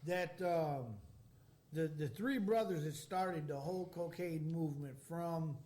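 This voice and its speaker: Man, somewhat high pitch, casual chat, storytelling, informal slangy explaining. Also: unhurried, darkish tone.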